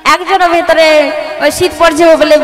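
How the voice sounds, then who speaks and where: A woman's voice: very high voice, fairly even intonation, a little slow. A woman with a Bengali accent giving a devotional sermon, coaxing her audience and leading call-and-response chanting. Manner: coaxing the audience, rhythmic sing-song delivery. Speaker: kirtan singer and preacher. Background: live devotional music.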